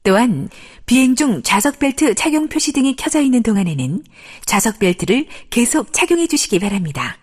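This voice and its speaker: High-pitched woman making a cabin announcement. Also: sing-song, brisk, slightly rough. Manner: formal, polite announcing. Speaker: flight attendant announcer. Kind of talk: plane cabin safety announcement, scripted.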